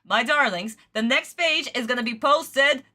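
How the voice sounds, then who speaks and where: This is a streamer casually reacting to anime, a woman who is theatrical, gushing and full of endearments. She speaks at normal speed in a high-pitched, pushed, bright voice.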